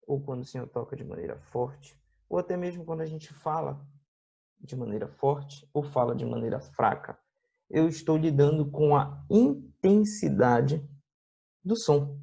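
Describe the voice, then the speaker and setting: A Brazilian male music teacher explains sound to young students, pausing often to check they follow. His voice sits a little high, with a gravelly, husky grain. The recording is dull and lo-fi, with faint guitar behind him. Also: expressive, warm tone. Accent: Brazilian Portuguese. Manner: explains slowly with many tag questions, plays guitar and sings examples. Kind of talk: classroom video lesson.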